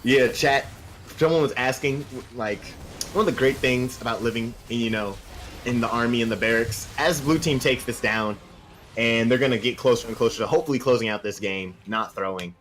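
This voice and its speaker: A man's voice: medium pitch, a little fast, a bit bright, slight background noise. Young man casting a video game match. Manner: casual, joking, speeds up and rises during fights. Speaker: esports caster. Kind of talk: live game commentary.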